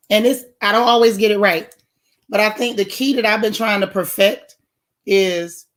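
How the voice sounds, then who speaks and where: She's running a casual livestream and replying to viewers' comments, speaking with directness and emphasis. The voice is a woman's: weighty, loud, with some bass, and hoarse at present.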